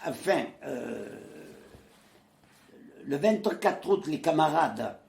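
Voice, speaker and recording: Speaking extremely slowly in a fairly high, creaky voice, a former resistance fighter in his nineties from Marseille recalls the war in conversation. He hesitates a lot yet tells his stories with life, acting out the people he quotes, and the sound is reverberant.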